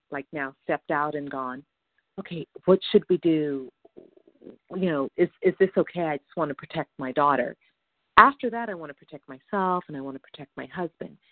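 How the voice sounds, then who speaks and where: On a tinny, dry phone line, a low-voiced woman rambles on at length, anxious as she asks for advice. There's no room sound in the recording.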